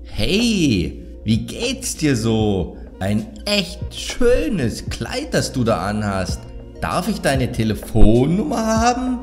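A man voicing an insecure, fawning young man whose pitch rises at the end of each phrase. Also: huge pitch swings, slow pace, soft background music. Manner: rising sing-song pitch at phrase ends.

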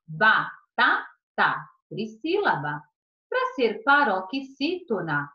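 A woman's voice: fairly high pitch, lo-fi sound. A woman teacher with a Brazilian Portuguese accent, giving an online class to young pupils in a patient, sing-song way. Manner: warm, patient, sing-song explaining to children.

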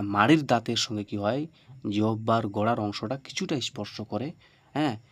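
Low-voiced man teaching Arabic sounds. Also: no room sound. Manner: asks questions and answers them himself; repeats sounds slowly for the listener. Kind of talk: informal spoken lesson.

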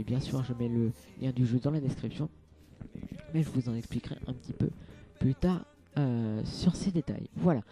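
A man's voice: mid-range voice, mellow. A young man giving a casual, hesitant game tutorial, full of fillers and restarts. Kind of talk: casual screen-capture tutorial.

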